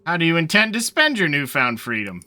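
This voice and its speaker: A man's voice: on the high side, sing-song, fairly quick, sharp tone. A man doing casual gameplay commentary, reading dialogue choices aloud as he plays. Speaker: video game streamer playing through a game.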